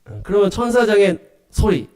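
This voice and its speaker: A man preaching as pastor of a small church, animated and laughing often as he acts out scenes. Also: high voice, normal speed. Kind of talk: sermon.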